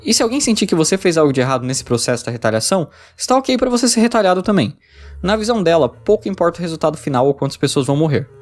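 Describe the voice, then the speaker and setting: Over music, a Brazilian-accented game reviewer reads his scripted, slang-filled review at a very fast clip. He has a fairly high, sing-song voice, in the style of a video essay narrator.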